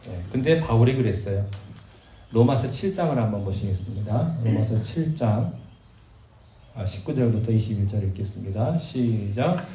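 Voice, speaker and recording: Pastor preaching in an echoey church. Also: male voice, fairly low pitch, expressive, moderate pace, crowd noise. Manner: conversational storytelling with self-deprecating humor. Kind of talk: sermon. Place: church sanctuary. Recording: roomy church sound with faint background noise.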